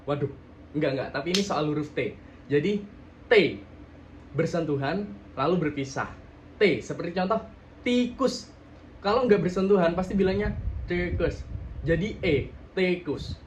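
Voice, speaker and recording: A young man talks through letter sounds one by one in a relaxed tutorial, drawing out each example word and slipping in teasing jokes. His voice sits a little high for a man. A faint hiss of room noise runs underneath. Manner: drawn-out demonstration sounds, joking asides. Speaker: student demonstrating articulation. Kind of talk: casual tutorial.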